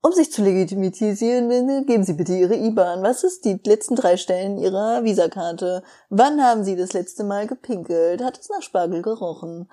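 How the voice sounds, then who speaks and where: A woman mimicking a flat robotic hotline voice. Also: medium pitch, normal speed, few pauses, lightly acted. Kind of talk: casual podcast chat.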